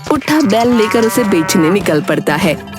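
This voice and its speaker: A woman narrating a cartoon story in a calm, plain storytelling way. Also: mid-range voice, normal speed. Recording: background music under voice.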